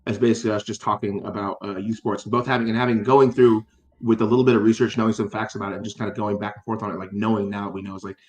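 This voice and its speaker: A man's voice: on the low side, little pitch movement, racing, roomy sound. A man co-hosting a casual chat, rambling with many fillers and restarts and casual swearing. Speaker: podcast co-host.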